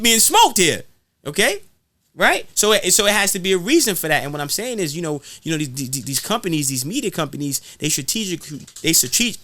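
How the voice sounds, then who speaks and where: Here a male rapper, interviewed as a guest, delivers a fervent, sermon-like podcast talk full of repeated phrases. The pitch is fairly high, the tone pushed and bright, and the recording is dry.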